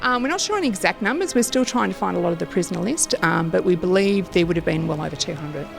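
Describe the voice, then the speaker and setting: An Australian woman speaks as a tour guide being interviewed, explaining history in an informative way. Her voice sits a little low and has a marked creak. Music plays clearly behind her. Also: animated, quick pace. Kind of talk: informative interview talk about local history.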